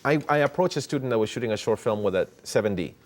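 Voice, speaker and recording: Guy talking fast, lowish voice, keeps restarting sentences. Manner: animated, restarts and repeats words often. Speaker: guest cinematographer. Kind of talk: casual interview talk.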